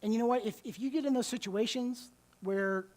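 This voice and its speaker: His voice is extremely high and a little mellow, and he talks a little fast. The American man's church talk is sermon-style but conversational, full of restarts with repeated words and check-ins like "okay?" and "right?"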